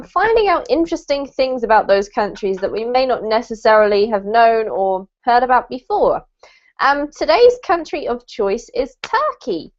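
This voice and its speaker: A woman's voice: sits high, lo-fi sound. A woman teaching a live online English class, chatty and speaking straight to her students over a video call.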